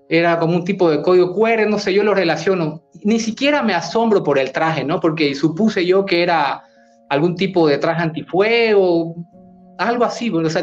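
A man's voice: on the high side, muffled recording. A man from Bolivia, a doctor, earnestly recounting a strange personal experience in an interview, often hesitating and restarting words.

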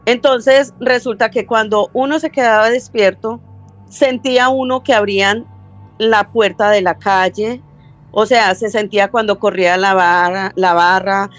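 A woman's voice: medium pitch, fairly even intonation, unhurried, highs cut off, faint music behind. An older woman with a Colombian accent from Medellín, telling a story as a caller in a rambling way and acting out quoted lines. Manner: rambling, self-correcting, acts out quoted dialogue. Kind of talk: casual storytelling.

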